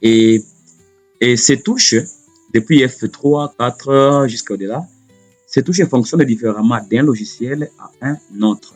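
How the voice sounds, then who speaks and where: A man giving a spoken computer lesson, explaining slowly and step by step, often repeating himself and pausing on fillers. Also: mid-range voice, a little mellow, faint music behind. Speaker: computer teacher.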